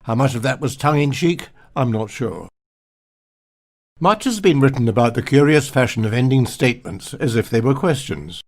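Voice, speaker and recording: A man's voice: medium pitch, lively intonation, moderate pace. An older man reading his own memoir aloud in a wry, pernickety way, mimicking the pronunciations he describes. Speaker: author narrating his memoir.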